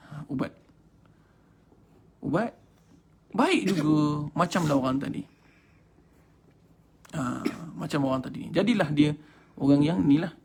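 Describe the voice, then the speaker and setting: A man's voice: a little high, animated, takes it slowly, pauses often, darkish tone, slight background noise. A man with a Malaysian Malay accent telling a religious story as a Quran teacher, chatty and mixing in English words. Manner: chatty, addresses audience as tuan-tuan dan puan.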